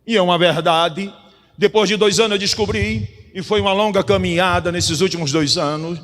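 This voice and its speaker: A male pastor preaching with fervor, his voice sitting high for a man. He swings between loud, driving declarations and hushed testimony, and it rings with a long reverb through a church hall. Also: fairly even intonation, normal speed. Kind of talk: sermon.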